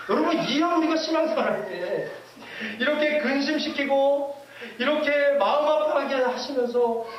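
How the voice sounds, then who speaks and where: A male pastor preaching a sermon in a church, lively and often asking the congregation questions and leading them in readings. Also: very high-pitched, muffled recording. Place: church sanctuary. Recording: echoey hall from far off, faint hiss.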